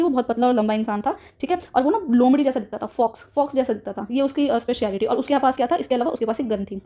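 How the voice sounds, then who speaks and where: Slow-talking woman teacher, dark tone. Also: a little high. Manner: explains slowly, addresses students as beta. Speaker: English teacher. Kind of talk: Hindi-English literature lesson.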